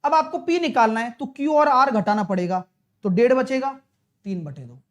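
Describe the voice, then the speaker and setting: A male math teacher talking a live online exam-prep class through problems, brisk and coaxing, calling viewers brother and dear. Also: very high voice, expressive. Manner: brisk, coaxing, chatty, mixes English terms, calls viewers brother and dear.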